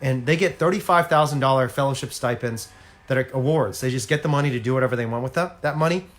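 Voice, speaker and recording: He talks fast in a mid-range voice, an animal rights activist addressing his viewers head-on during a casual home livestream. The tone is earnest and persuasive, and a phone or laptop serves as the microphone.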